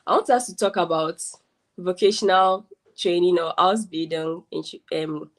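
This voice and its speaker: A young woman with a somewhat low voice hosts a live interview over a video call. She talks in a chatty, enthusiastic way, sprinkling in casual fillers as she leads her guest. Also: normal speed. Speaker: host.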